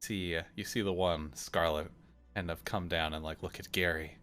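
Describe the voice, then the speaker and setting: A man with a low voice and a bright, crisp edge narrates a tabletop game as game master. He talks loosely and casually, with plenty of fillers as he describes the scene. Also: fairly even intonation, normal speed, faint music behind.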